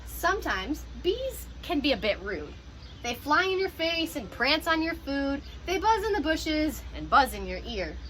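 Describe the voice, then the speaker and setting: A pre-K teacher reads a picture book aloud to little kids, lively and encouraging, adding teacherly asides. Her voice is high and a bit slow, with a faint hiss or hum in the audio.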